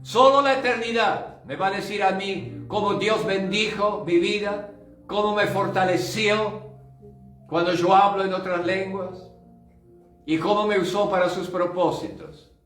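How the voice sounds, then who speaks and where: A man's voice: high voice, steady tone, measured pace, fairly bright tone. An older male pastor giving a fervent sermon testimony, dropping in short English asides. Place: church. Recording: roomy church sound, distant mic, faint music.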